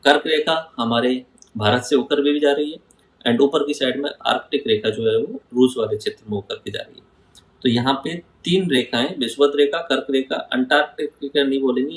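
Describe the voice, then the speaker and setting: A man's voice: mid-range voice, a bit bright, reverberant, rough recording. A man teaching geography over a map, asking his students questions and answering them himself. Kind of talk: map-based lecture.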